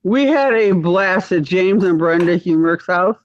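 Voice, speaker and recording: A woman's voice: fairly low pitch, expressive, measured pace, lo-fi sound. A woman chatting enthusiastically on a live stream, gushing about a new tool. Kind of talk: casual live stream chat.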